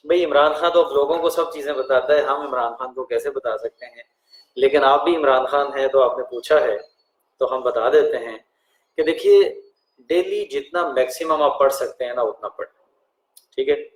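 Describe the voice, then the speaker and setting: A man, a teacher answering students' exam questions in a relaxed live question-and-answer session. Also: medium pitch, moderate pace, roomy sound, rough recording. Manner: relaxed, reads out questions and answers them in turn.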